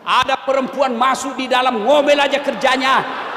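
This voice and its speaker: A man voicing a grumpy old male spirit of a well, shouting exasperated complaints in an echoey hall. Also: very high-pitched, fairly even intonation, normal speed, background noise.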